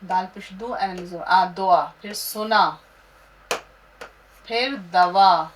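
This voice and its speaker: Woman teacher, very slow spelling-out of letters, distant mic, faint background hum. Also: mid-range voice, steady tone. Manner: spells out letters and syllables slowly, recites couplets. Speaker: Urdu teacher. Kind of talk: slow script-writing lesson.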